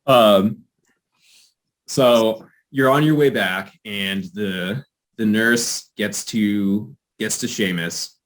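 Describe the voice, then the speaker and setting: A young man running a tabletop role-playing game as game master, easygoing and quick to laugh. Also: lowish voice.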